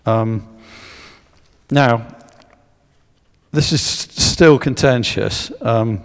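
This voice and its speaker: A man's voice: medium pitch, extremely slow. A man giving a public history talk with slides, hesitant with many fillers and restarts, drawing guesses from the audience. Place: church. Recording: long echo of a church hall.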